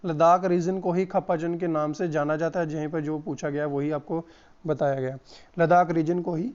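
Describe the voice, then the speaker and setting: A hoarse man giving an exam-prep lesson, repeating each answer and calling his viewers friends. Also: a little high, fairly even intonation, normal speed, darkish tone, dull audio. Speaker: exam coach.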